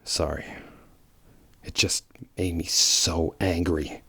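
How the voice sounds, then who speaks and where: A man playing a brooding, loyal hedgehog antihero in an audio drama, speaking in a grave, halting, guarded way. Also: low-pitched, fairly even intonation, vocal fry, pushed and bright, husky, full character voice. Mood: bitter.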